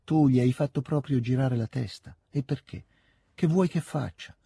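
A man voicing a gentle, admonishing older countess. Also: mid-range voice, normal speed, gravelly, slightly rough, dry recording, studio quality, pitched above the performer's own voice. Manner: calm, tender, admonishing. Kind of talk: literary reading aloud.

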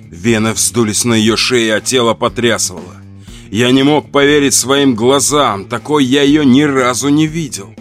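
Man narrating a horror audiobook. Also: fairly low pitch. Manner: somber, tense storytelling. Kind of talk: dramatic first-person audiobook narration.

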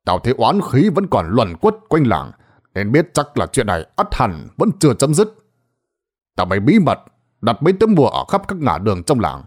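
A man voicing a stern, gruff older village sorcerer in a spoken ghost story. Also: medium pitch, huge pitch swings, moderate pace. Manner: gruff, scolding, commanding.

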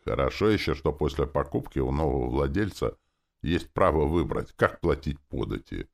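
A man doing a gruff orc who growls his words and swears freely, with a gravelly, creaky edge to the voice. The delivery swings up and down with lively intonation. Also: extremely low pitch, normal speed, heavily acted. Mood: grumbling. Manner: growling, cursing. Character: gruff grumbling male orc casino manager.

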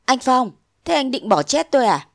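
A woman voicing an eighteen-year-old girl who pleads and reproaches her lover, rising to shrill protest. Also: big pitch swings, normal speed, gravelly, no room sound, clean studio sound, full character voice. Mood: reproachful. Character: young woman of eighteen, tearful and indignant.

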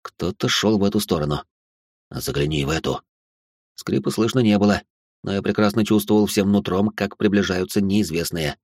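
Dry, low-voiced male story narrator. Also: fairly quick, dry recording. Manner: tense, expressive, rising to outbursts. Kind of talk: dramatic first-person audiobook narration.

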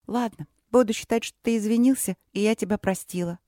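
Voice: medium pitch, fairly quick, mellow, dry recording, clean studio sound, pitched above the performer's own voice, natural voice. A reader voicing a pushy, talkative young princess in an audiobook, eager and pleading. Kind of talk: audiobook character voice.

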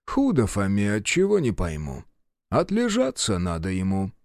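A man voicing a gruff army medic who barks orders and frets over a patient. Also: lowish voice, huge pitch swings, normal speed, a little mellow, dry recording, studio quality, voice pushed down. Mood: worried. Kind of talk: audiobook character voice.

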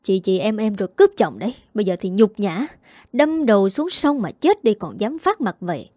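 A woman voicing a spiteful village woman in a mob, jeering quickly in a narrated story. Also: medium pitch, very animated, dark tone, dry recording, clean studio sound. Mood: scornful.

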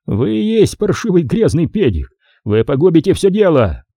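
A hot-tempered crooked gangster in a crime audiobook, as a male narrator puts him on, cursing and roaring in a voice pushed above the reader's own. The tone stays husky and dark with lively swings. The recording is dry and close. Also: on the high side, normal speed, dry recording, voice pushed up, full character voice. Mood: angry. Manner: crude, shouting, swearing. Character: hot-tempered crooked gangster, adult man, crude and impatient.

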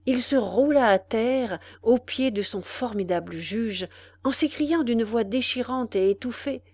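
A woman reading a classic novel aloud as narration, measured and expressive. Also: fairly high pitch, no room sound. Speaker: audiobook reader. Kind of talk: scripted narration.

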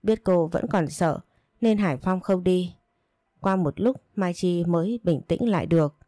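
Low, mellow woman narrating a story. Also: a little slow, no echo, clean studio sound.

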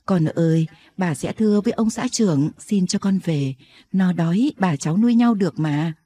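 A woman's voice: fairly low pitch, warm tone, natural voice. A woman playing a weary, wise old grandmother. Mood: solemn. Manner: slow, measured, solemn.

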